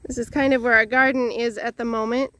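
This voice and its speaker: A woman's voice: a little high, flat delivery, brisk, a bit bright. A woman from Northwest Illinois giving a casual, cheerful tour of her vegetable garden outdoors, a little out of breath and talking while walking. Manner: cheerful, thankful, chatty with many restarts. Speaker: home gardener vlogger.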